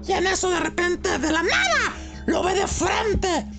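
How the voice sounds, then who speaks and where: A woman's voice: very high-pitched, expressive, unhurried, vocal fry. A woman narrating a horror story in a dramatic, colloquial way. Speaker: podcast storyteller. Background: music.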